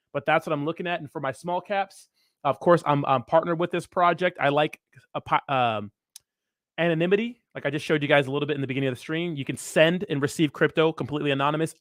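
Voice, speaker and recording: Hyped frat-bro guy, slightly high voice. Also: a bit bright, no room sound, studio quality. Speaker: crypto livestream host. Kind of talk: casual livestream chat.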